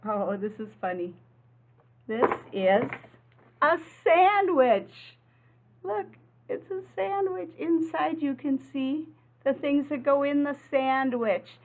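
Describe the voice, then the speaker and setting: A female preschool teacher leads a lesson and reads a picture book aloud to young children, keeping explanations simple and asking them questions. Her voice is high and animated, and she takes her time. The sound has a phone-like quality.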